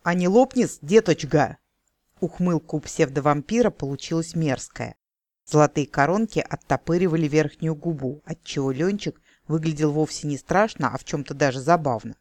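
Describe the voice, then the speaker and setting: A man's voice: on the high side, normal speed, a little mellow, no echo. Man narrating a wry fantasy audiobook.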